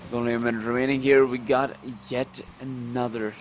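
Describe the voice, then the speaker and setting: A man calling the action of an esports match live, with a mid-pitched, even voice. He announces scores and time in a steady play-by-play rhythm. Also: a little fast, a little hiss or hum. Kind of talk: live game commentary.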